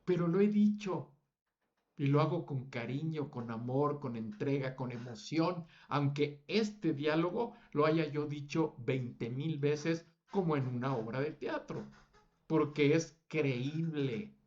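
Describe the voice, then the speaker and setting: This public speaking teacher lectures his students, leaning hard on every word in his lists with building stress and fixing the occasional slip as he goes. He takes it slowly in a slightly high voice with a darkish tone, and the audio sounds dull.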